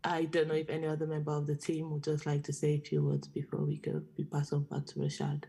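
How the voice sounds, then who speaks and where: Low, creaky-voiced woman presenter. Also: completely flat delivery, quick pace, warm tone. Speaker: team member co-presenting. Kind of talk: public session remarks.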